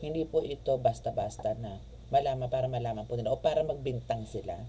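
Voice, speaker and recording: A man's voice: medium pitch, fast, warm tone, slight background noise. A man giving a casual tarot reading, chatty and polite, full of fillers and respectful asides. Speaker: tarot reader and spiritual healer.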